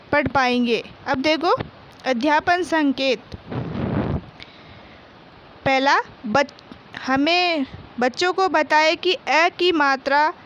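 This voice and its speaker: Slow, patient woman teaching Hindi. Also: high voice, a bit bright, slight background noise. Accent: Rajasthani Hindi. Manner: slow, patient, repeats each word twice for pupils; asks questions and answers them herself. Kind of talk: Hindi primary-school lesson, reading words aloud.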